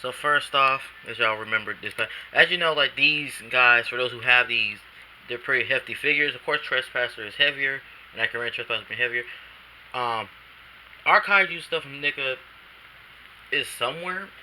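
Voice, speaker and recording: In a pushed, bright, medium-pitched voice at normal speed, a toy reviewer rambles casually about an action figure at home, using slang and restarting sentences as he shakes off post-nap drowsiness. The camcorder audio is rough with slight background noise.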